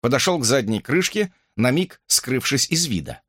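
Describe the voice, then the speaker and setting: A man narrating an audiobook in an expressive, animated reading. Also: medium pitch, normal speed, husky, no echo, clean studio sound.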